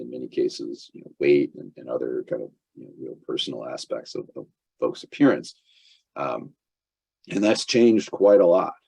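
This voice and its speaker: A man in his fifties, a congested lawyer hosting a webinar, talking haltingly with lots of fillers and restarts. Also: rumbling low, gravelly, dark tone, slightly rough, no echo. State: congested, recovering from illness. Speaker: employment lawyer, webinar host. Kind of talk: webinar presentation. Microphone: computer mic on a video call without camera.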